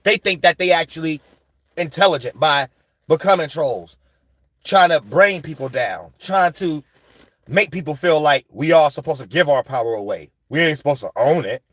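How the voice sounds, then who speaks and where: A man rambles through a spiritual lecture to his viewers in a slangy, preachy way. His voice sits a little on the high side. The sound is close and dry, with no room around it. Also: a bit bright, no echo. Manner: rambling, preachy, repeats "you know what I'm saying"; slangy conversational delivery. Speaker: spiritual astrology channel host.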